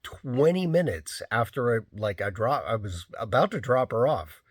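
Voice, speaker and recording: A man's voice: medium pitch, sing-song, moderate pace, dry recording, studio quality. A man, a rideshare driver, casually telling a story in a rambling way, full of "like" and "you know".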